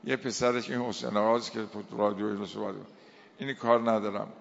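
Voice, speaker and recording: A man from Iran preaching a fiery sermon, heaping up long strings of scornful words and dwelling slowly on recited Arabic verses. His voice carries a long reverb from a large hall. The sound is somewhat dull and muffled. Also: lowish voice, fairly even intonation, gravelly. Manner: impassioned, fiery lists of condemning words. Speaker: cleric preacher.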